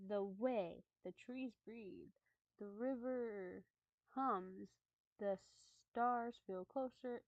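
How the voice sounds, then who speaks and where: A woman streamer with a mid-range voice mixes casual chat with dramatic horror story readings. Her reading is halting, and she stumbles over words, swears at her slips and laughs, chatting with viewers between stories. The recording is dry and lo-fi.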